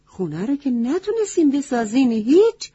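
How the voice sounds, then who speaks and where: A woman's voice: sits high, sing-song, dark tone, husky, voice pushed up, heavily acted. A woman voicing a wise goat in a children's storybook tale, lecturing the other animals firmly. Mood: scolding. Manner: lecturing, rising to a firm scold. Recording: dull lo-fi recording.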